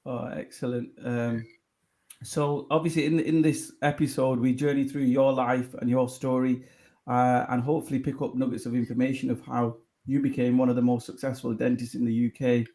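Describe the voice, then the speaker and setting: A man hosting a podcast interview, asking questions in a halting way that repeats words as he begins. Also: mid-range voice, level tone, mellow. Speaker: podcast host.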